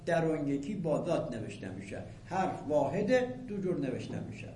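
A man giving a classroom lecture on Arabic rhetoric, reciting verses slowly and then explaining them plainly. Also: on the high side, darkish tone. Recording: echoey room with faint ambient noise.

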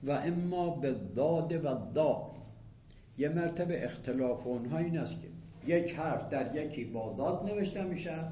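A man giving a classroom lecture on Arabic rhetoric, reciting verses slowly and then explaining them plainly. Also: on the high side, dark tone. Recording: echoey room with faint ambient noise.

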